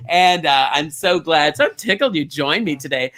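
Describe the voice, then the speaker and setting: A man's voice: a little high, animated, moderate pace, pushed and bright. An American man from Minnesota hosting an online bingo show as a drag hostess, chatty and campy, with theatrical, gushing greetings. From Minnesota, United States.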